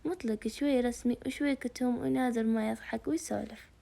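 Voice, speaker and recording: Fast-talking woman reading a novel. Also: a little high, steady tone, creaky, dark tone. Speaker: narrator.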